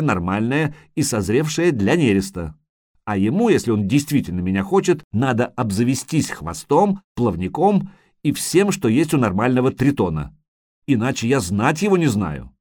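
A man voicing a vain, capricious female sea siren who talks in a singsong, shrill and indignant way. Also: darkish tone, dry recording, clean studio sound, natural voice.

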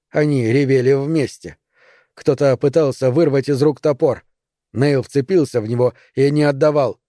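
A man narrating an audiobook in a dramatic, measured reading. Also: mid-range voice, warm tone, no echo, studio quality. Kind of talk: scripted narration.

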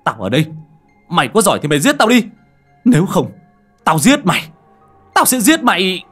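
A man voicing a distraught young man who shouts desperately. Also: on the low side, expressive, rapid-fire, breathy edge, soft background music.

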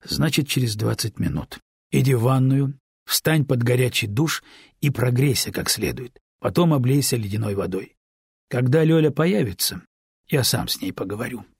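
A man's voice: medium pitch, normal speed, gravelly, slightly rough, no echo, clean studio sound. A man reading a stern, commanding man. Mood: firm. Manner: firm, commanding, brusque. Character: stern, decisive man, middle-aged friend. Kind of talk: audiobook character reading.

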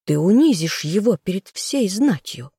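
An audiobook reader voicing a furious, spiteful noblewoman, the king's sister, who scolds in sharp outbursts. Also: sing-song, slightly rough, no room sound, clean studio sound, full character voice. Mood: pleading. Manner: shrill, scolding, quick outbursts. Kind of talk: audiobook role reading.

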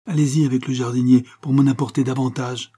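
A man's voice: medium pitch, level tone, brisk, mellow, husky, voice pushed up, lightly acted. A man voicing a melancholy young lady. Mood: sad, pleading.

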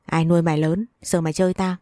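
A bitter, abusive father of middle age, spitting insults at his daughter, as a woman reading the story puts him on. The voice sits low and mellow and is recorded dry and close. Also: level tone, quick pace, no echo, close to an everyday voice. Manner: insulting, accusing.

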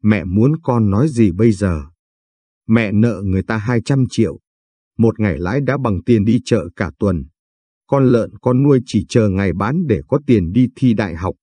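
A hurt young woman fires bitter, reproachful questions at her mother, voiced by a male narrator. The voice is deep and mellow, with a dry, close sound. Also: expressive, moderate pace, slightly rough, no echo.

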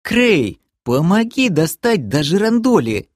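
A bouncy young woman with a high, squealing voice that jumps all over the place, as a male narrator puts her on. She sounds indignant and excitable. It is close and dry, read straight into the mic for an audiobook. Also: slow pace, no echo, full character voice. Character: pushy excitable young woman treasure-hunter.

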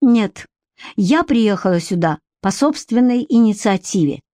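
A woman reading as a bossy female personal assistant who scolds and shouts when angry. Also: mid-range voice, lively intonation, unhurried, no echo, clean studio sound, close to an everyday voice. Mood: indignant.

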